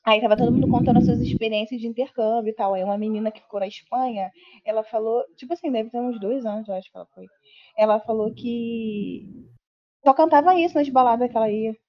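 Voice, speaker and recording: A woman's voice: on the high side, fast talker, slight background noise. A woman co-hosting a casual podcast, telling stories in an emphatic way. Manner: storytelling, emphatic. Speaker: podcast co-host. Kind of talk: casual chat. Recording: dull lo-fi podcast audio.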